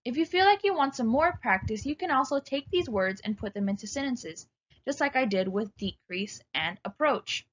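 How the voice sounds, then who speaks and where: A woman's voice: sits high, expressive, normal speed, muffled recording, a little hiss or hum. Woman teaching a recorded lecture. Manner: clear, instructive, addresses students directly. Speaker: writing instructor.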